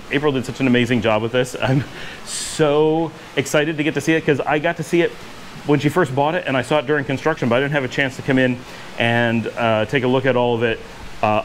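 A man's voice: medium pitch, a little hiss or hum. A man in his forties filming a walking house tour vlog with a handheld action camera, enthusiastic and rambling with lots of fillers. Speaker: vlogger. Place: indoor and outdoor rooms of a house with courtyard pool. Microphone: handheld action camera at arm's length.

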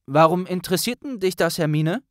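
A man's voice: sits high, expressive, fairly quick, dry recording, voice pushed up. A timid, awkward teenage wizard who stammers and stumbles over his words, as a male narrator puts him on. His voice is raised a little and sways nervously, close-miked and dry. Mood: eager. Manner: stammering and flustered.

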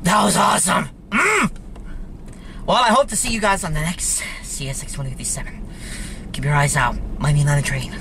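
A man vlogging trackside outdoors on a handheld phone, gushing and excitable. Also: on the high side, a little fast, pauses often, a little hiss or hum. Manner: excitable, gushing, loud whoops. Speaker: railfan vlogger. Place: outdoors by a railroad line near a store lot.

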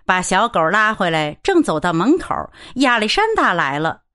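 A woman narrator reading a classic novel aloud as an audiobook. Her pitch swings expressively through each sentence, and she sits at a middle pitch for a woman. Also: sing-song, moderate pace, pushed and bright.

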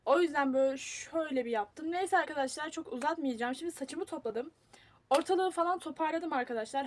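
Chatty, high-voiced young woman. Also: a little hiss or hum. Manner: chatty, rambling, self-mocking. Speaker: vlogger. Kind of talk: casual packing vlog.

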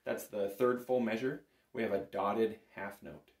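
Speaking unhurriedly in a lowish, fairly even voice, a middle-aged man explains bagpipe playing in a casual lesson to camera, checking in often with "right?". A phone camera a little way off captures him in a small indoor room with instruments on the walls, and the sound is echoey.

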